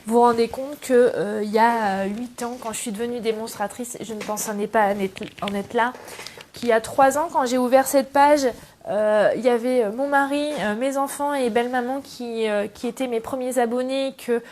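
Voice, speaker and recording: A woman's voice: a little high, fairly even intonation, moderate pace, darkish tone, slight background noise. A middle-aged woman hosting a casual scrapbooking tutorial, chatty and affectionate with her viewers as she works. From France. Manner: chatty and affectionate, talks to viewers while working. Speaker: craft demonstrator and channel host.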